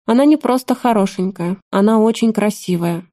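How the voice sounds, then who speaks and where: A woman's voice: mid-range voice, normal speed, mellow, close to an everyday voice. A woman voicing a defiant young prince who snaps back at his family. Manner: curt, defiant.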